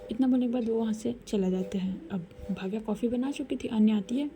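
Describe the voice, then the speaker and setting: Mellow woman telling a romance story. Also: on the high side, brisk, soft background music. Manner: soft, conversational storytelling with English words mixed in.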